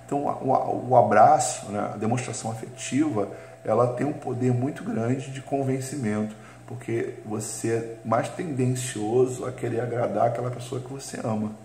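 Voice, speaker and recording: Male coach, mid-pitched, hesitant fillers, answers his own questions; roomy recording with a faint hum. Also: a little mellow. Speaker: coach giving teacher training. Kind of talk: instructional talk. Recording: echoey room with faint hum.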